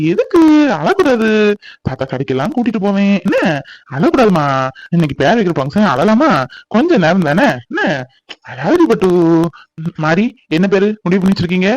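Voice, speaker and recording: A voice actor playing a fond young uncle and father in a cartoon, coaxing a crying baby with lively baby talk. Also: medium pitch, normal speed, long pauses, no room sound, lightly acted. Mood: urging. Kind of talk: cartoon voice acting.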